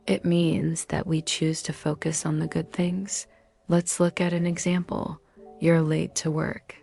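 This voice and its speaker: Low, flat, gravelly woman narrating calmly. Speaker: motivational narrator. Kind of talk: scripted self-help narration.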